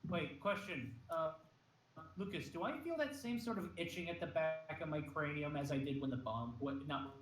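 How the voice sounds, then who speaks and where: A man playing a tabletop game, excitable and jokey, thinking out loud as he rambles. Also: a little high, normal speed. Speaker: player. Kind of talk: casual tabletop game chat. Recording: echoey room, far from mic.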